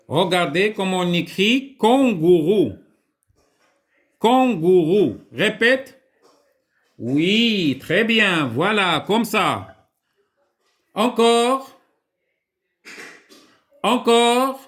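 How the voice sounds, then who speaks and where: Slow, lively Moroccan-accented man teaching children. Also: high-pitched. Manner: slow, repeating words for children to echo. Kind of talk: children's writing lesson.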